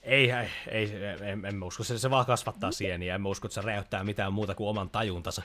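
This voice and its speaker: A man's voice: on the low side, fairly even intonation, a bit bright. A young man giving casual let's-play commentary, chatty and joking as he reads game lines aloud. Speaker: gaming YouTuber.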